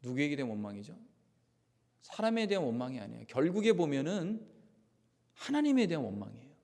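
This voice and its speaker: A male pastor delivers a Sunday sermon in a slightly high, gravelly voice that swoops widely as he dramatizes each point. His emphatic preaching rings out with a long reverb from the church sanctuary. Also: very animated, a little fast, darkish tone. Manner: emphatic, dramatic preaching that acts out the people he quotes.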